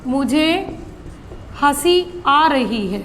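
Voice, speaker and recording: A woman's voice: sits high, animated, extremely slow, a bit bright, long reverb tail. A woman teaching a grammar lesson, asking questions and answering them herself.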